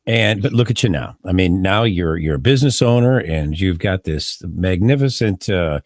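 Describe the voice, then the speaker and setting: A man's voice: deep voice, lively intonation, moderate pace, no echo, studio quality. A man hosting an interview, enthusiastic and encouraging in a chatty way. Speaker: host. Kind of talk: interview conversation.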